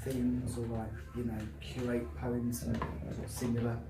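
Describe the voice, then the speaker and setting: A man with a South London Cockney accent gives a live poetry reading, his voice medium-pitched, monotone, unhurried and creaky. He opens with a chatty introduction packed with fillers, then recites in a rhythmic, emphatic way. The recording is roomy and distant, captured in a noisy live venue.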